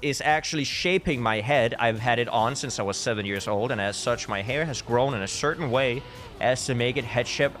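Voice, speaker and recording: This Danish man has a mid-range, slightly bright voice and talks at a moderate pace. During a casual live stream with music in the background, he chats and commentates on the game as a live esports caster, dropping dry, tongue-in-cheek jokes.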